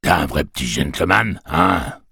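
A man voicing a gruff, crude adult male pirate who bawls and mocks. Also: very deep voice, lively intonation, measured pace, no room sound, clean studio sound, heavily acted. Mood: mocking. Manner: loud, bawling, mocking and coarse.

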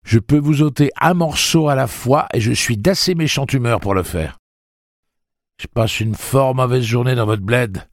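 A man's voice: medium pitch, animated, normal speed, vocal fry, no echo, studio quality, voice pushed up. A man reading an audiobook, voicing a foul-mouthed, menacing young man who sneers out his threats.

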